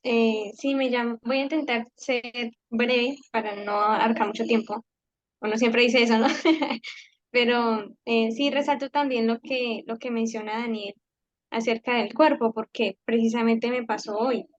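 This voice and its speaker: Chatty woman with a high, dull voice. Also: steady tone, unhurried, dry recording. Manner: conversational, storytelling, hesitant restarts. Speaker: class participant. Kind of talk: personal reflection in a faith group class.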